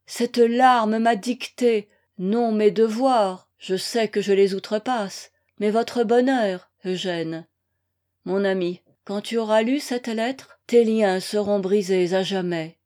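A woman's voice: medium pitch, slow, a little mellow, close to an everyday voice. A woman reading aloud the farewell letter of a heartbroken, devoted young woman, in a tender, solemn, pleading manner. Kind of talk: audiobook reading.

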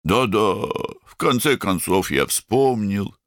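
A mild, forgetful old gentleman, as a male reader voices him in a storybook, low and soft-spoken at an unhurried pace. The sound is dry and close, the tone bright. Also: lively intonation, dry recording.

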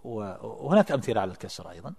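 A man with a lowish voice teaches a classical text in a religious lesson, reading a passage and then unpacking it step by step. His words ring out into a large hall with a long tail of reverb. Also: very animated, a little mellow, husky. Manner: measured explanatory lecturing, reading quotes then commenting. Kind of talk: religious lesson explaining a treatise. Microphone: amplified lecture microphone.

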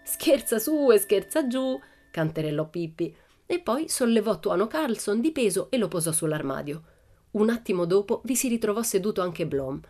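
A woman from Italy reading a children's story aloud, narrating in a lively, expressive way. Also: medium pitch, normal speed, faint music behind. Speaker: audiobook reader. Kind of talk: scripted narration.

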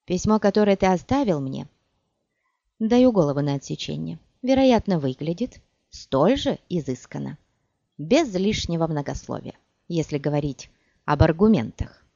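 A woman voicing a proud, scornful sorceress who speaks in a sharp, biting, mocking way, in an audiobook. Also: deep voice, expressive, moderate pace, creaky, no echo, full character voice. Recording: dull dry recording.

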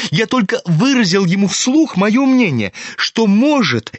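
A man's voice: high-pitched, a bit bright, no room sound, exaggerated voice. A man voicing a sickly, sardonic young man who talks in a mocking, needling tone, in an audiobook reading.

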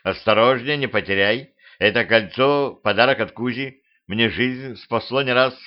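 A man's voice: mid-range voice, moderate pace, lightly acted. A man voicing a jovial, teasing gravedigger in a homemade audiobook. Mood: earnest. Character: jolly older male gravedigger, laughing. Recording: slightly dull homemade audiobook recording.

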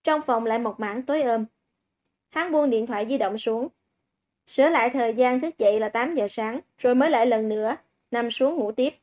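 A woman narrating a story audiobook in a steady, even reading voice. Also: a little high, normal speed. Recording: dull lo-fi recording.

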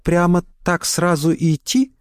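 A shy young woman job applicant, answering quietly in short, hesitant replies in a raised voice, as a male reader puts her on. The sound is dry and close, with no room around it. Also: high voice, measured pace, no room sound, voice pushed up. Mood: timid.

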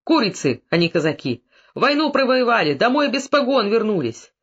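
A drunk, quarrelsome old Cossack, voiced by a man in a storybook, scolding loudly in a high, lively voice. The recording is dull and lo-fi. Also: moderate pace, slightly rough, full character voice. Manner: scolding, shouting.

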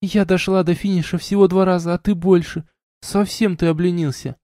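A teasing young she-wolf woman, as a male audiobook reader puts her on, lifted well above his own dark, mellow voice. She pouts and jokes playfully. The studio sound is dry and close. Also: fairly even intonation, normal speed, no echo, close to an everyday voice. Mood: pouting. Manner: teasing, pouting, higher and softer than the narrator.

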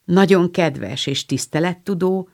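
A woman's voice: fairly low pitch, a little mellow, close to an everyday voice. A woman reading as a shy, ashamed teenage girl. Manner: hesitant, apologetic. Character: gentle, ashamed older teenage sister.

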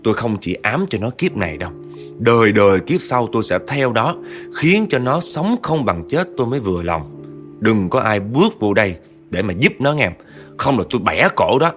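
A man voicing the vengeful ghost of a young woman, shrill and choked with rage. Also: sing-song, moderate pace, fairly bright tone, soft background music.

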